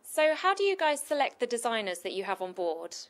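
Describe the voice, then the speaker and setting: Higher-voiced woman asking brisk questions. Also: sing-song. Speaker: interviewer. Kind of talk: TV interview questions.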